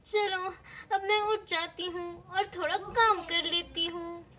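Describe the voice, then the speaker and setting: A woman's voice: extremely high pitch, fairly even intonation, takes it slowly, bright, forceful tone, full character voice. A woman voicing a dramatic young mother who frets and whines, close to tears, in a doll-play story. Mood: sleepy content. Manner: worried, whining, near tears.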